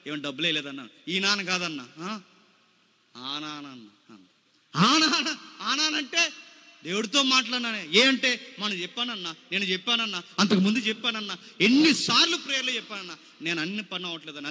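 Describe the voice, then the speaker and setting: A man's voice: high-pitched, sharp tone, long reverb tail. A male preacher giving a dramatic sermon, acting out quoted voices and firing rhetorical questions.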